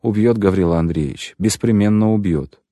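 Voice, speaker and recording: A man voicing a timid young laundress who answers quietly and submissively, in an audiobook reading. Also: lowish voice, normal speed, dry recording, natural voice. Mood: meek.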